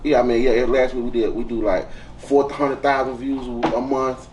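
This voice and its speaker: A man's voice: mid-range voice, flat delivery, moderate pace, a little mellow. A man hosting a casual chat show, joking and laughing often and boasting about himself. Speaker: host. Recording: echoey room, far from mic, faint noise.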